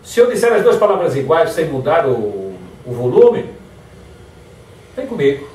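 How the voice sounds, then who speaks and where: A man's voice: a little high, measured pace. A man giving a motivational lecture, acting out example phrases in different tones. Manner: lively, acts out example phrases in varied tones. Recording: echoey hall from far off.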